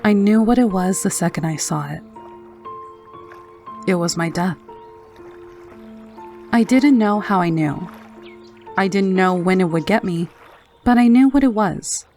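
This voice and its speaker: A woman narrating a scripted first-person scary story in a low, haunting, measured manner. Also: lively intonation, a little mellow. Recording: narration over background music. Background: music.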